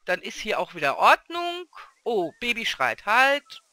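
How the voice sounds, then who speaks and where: High, lively-voiced man narrating a game. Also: unhurried. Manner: chatty, coaxing the game characters along. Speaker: let's play host. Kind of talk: casual gameplay commentary.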